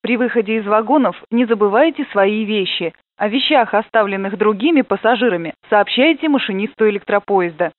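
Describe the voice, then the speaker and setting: A woman giving recorded train stop announcements in a measured, formal, clearly enunciated way. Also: mid-range voice, no room sound. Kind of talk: recorded public transit announcements. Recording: tinny narrow-band announcement audio.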